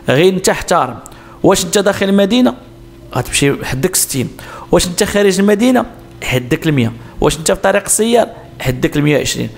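A man's voice: a little high, vocal fry. A man with a Moroccan Arabic accent explaining road sign exam answers step by step, asking questions and answering them himself. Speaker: driving instructor.

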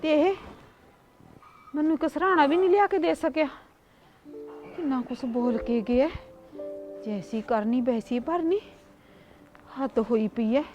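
Nagging stepmom, high shrill voice, faint music behind. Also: female voice, measured pace, long pauses, darkish tone, muffled recording. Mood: self-pitying. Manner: shrill, scolding, complaining. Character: nagging middle-aged stepmother who later repents. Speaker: actress in a short comedy film. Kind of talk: village comedy sketch acting.

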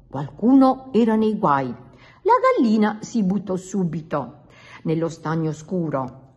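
A woman reading a picture book aloud to children in an expressive storytelling manner. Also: lowish voice, husky, lo-fi sound. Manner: animated, expressive.

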